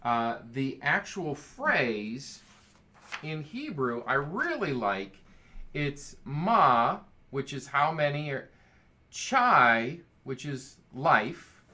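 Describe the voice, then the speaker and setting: Bright-voiced man leading Bible study. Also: on the high side, sing-song, drawn-out words. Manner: enthusiastic, reads scripture aloud, jokes. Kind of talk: casual Bible study teaching.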